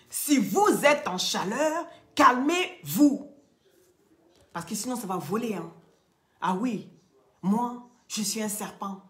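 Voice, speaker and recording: Woman, casual chat to viewers, animated, scolding, swings loud and quiet. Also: mid-range voice.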